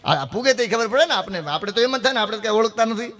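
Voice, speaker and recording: A middle-aged man, telling rustic folk jokes on stage and switching quickly into the voices of his characters. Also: high-pitched, lively intonation, a bit bright. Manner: rapid rustic joke-telling with dialogue voices. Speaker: folk comedian. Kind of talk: stage folk humor storytelling.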